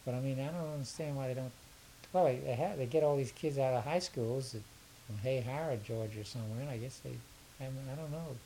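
He's an older man from the American South, interviewed as an education consultant, and he talks fast at medium pitch. His casual replies ramble and hesitate, with many repeated words. The low-quality recording carries a faint steady hiss.

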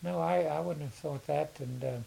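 This interviewee is an older education consultant from the southern United States whose gravelly voice sits fairly high and moves at normal speed. His casual answers come out hesitant and rambling, with frequent repeated words. Poor audio carries a faint, steady hiss.

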